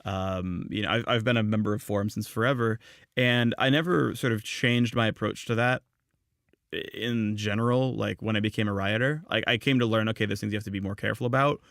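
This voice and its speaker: A man talking as a podcast guest, relaxed and rambling with many fillers, in casual chat. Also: on the low side, fairly quick, creaky, dry recording, clean studio sound. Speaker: podcast guest, esports commentator.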